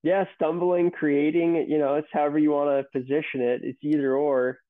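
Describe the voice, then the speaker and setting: A company CEO in his thirties tells stories during a casual interview, rambling and restarting often. His voice is on the high side, flat and moderately paced. The audio is dry, with no echo, and sounds tinny, like a phone line.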